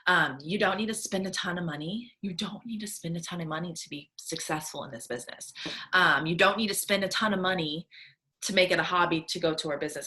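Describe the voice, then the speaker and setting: Bright-voiced woman giving tough-love coaching. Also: fairly low pitch. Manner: earnest, tough-love coaching with many "um" and "right?". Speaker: direct sales team leader. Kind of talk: motivational talk to camera. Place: at home, seated at her computer. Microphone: computer webcam.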